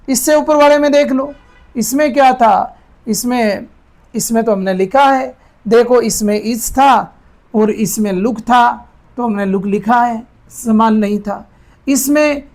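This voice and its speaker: An extremely high-pitched man with a darkish tone teaches English grammar. He calls the class "beta," repeats sentences slowly word by word, explains step by step, and regularly checks whether everyone understood.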